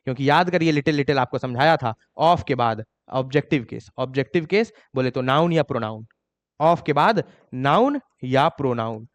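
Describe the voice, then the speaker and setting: A man with an Indian accent teaching an exam-prep grammar lesson. He reads English examples slowly and scolds students for their mistakes. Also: expressive, long reverb tail. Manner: scolding, mocks students' excuses in a higher voice.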